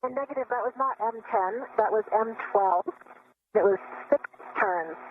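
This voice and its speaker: A woman astronaut on a spacewalk, giving crisp, matter-of-fact procedural callouts over a space-to-ground radio link. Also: on the high side, measured pace, slight background noise. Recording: tinny radio link, dry.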